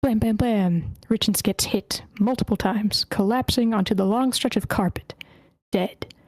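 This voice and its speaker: A woman reading a screenplay's scene directions aloud at an online table read, steady but stumbling over character names. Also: medium pitch, measured pace, dry recording. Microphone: computer mic in an online meeting.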